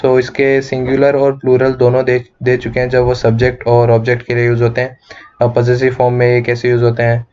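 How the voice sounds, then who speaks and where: A man's voice: medium pitch, completely flat delivery, brisk, darkish tone, clean tone. A man with an Indian accent teaching an online English grammar lecture, explaining in Hindi mixed with English, with many fillers and rhetorical questions. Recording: dull lo-fi recording.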